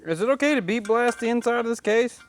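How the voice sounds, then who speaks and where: Casual shop chat comes from a man with an extremely high-pitched voice who talks fast. As a mechanic and co-host, he thinks out loud and asks questions, while clicks and workshop noise surround him.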